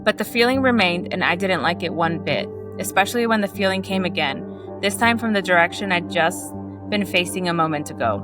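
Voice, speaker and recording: A woman reading a horror story aloud in a steady way, fixing small slips as she goes. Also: lowish voice, brisk, music in the background. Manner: steady narration with small self-corrections.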